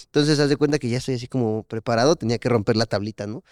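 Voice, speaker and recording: Young mexican dude, co-host, talks fast and slangy, super clear dry sound. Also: male voice, mid-range voice, no echo. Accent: Mexican Spanish. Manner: slangy, animated storyteller. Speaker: podcast co-host. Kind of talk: casual chat.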